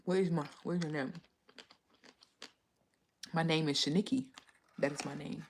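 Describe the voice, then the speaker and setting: Slightly stuffy from a cold, this livestream host talks in an unhurried, low-pitched voice over a little hiss or hum. She's chatty and rambling, reading out viewer comments and responding to them casually.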